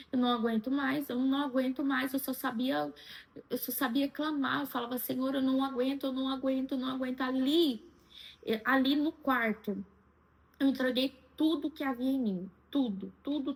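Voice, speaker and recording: A woman's voice: fairly high pitch, rough recording. A young Brazilian woman giving an emotional personal testimony to her viewers, earnest and repetitive, often addressing them directly. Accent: Brazilian Portuguese. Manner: earnest, repeats words, often addresses listeners as "gente". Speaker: channel host sharing testimony.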